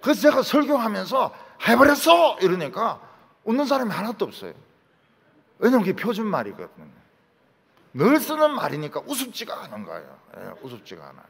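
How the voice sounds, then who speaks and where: A man from Busan with a Gyeongsang accent, preaching a sermon and acting out dialect lines in lively storytelling. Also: on the high side, slightly rough. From Busan, South Korea. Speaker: pastor. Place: large church sanctuary. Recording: long church hall reverb.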